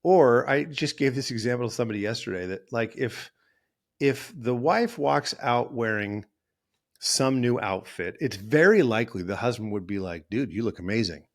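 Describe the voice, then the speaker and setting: A man with a mid-range voice and lively intonation speaks at a normal speed. He's a therapist and podcast host delivering a casual, rambling monologue, often correcting himself mid-sentence and acting out the voices he quotes.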